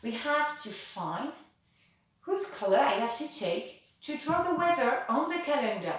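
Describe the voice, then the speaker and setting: A woman teacher talking slowly and patiently to young children, switching between French and English and asking exaggerated questions. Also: fairly high pitch. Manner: sings nursery songs. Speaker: kindergarten teacher. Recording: very echoey room, voice from a distance.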